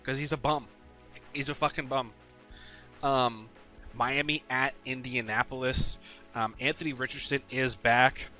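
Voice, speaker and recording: Bright-voiced man rambling about picks. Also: medium pitch, steady tone, a little slow, soft background music. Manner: rambling, frequent ums, casual swearing. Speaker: sports picks video host. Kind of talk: casual solo commentary.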